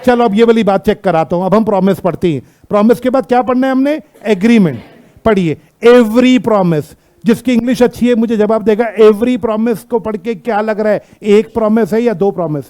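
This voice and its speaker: A man with an Indian accent teaching a classroom law lecture, constantly quizzing students with rhetorical questions and reading out English text slowly. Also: sits high, warm tone.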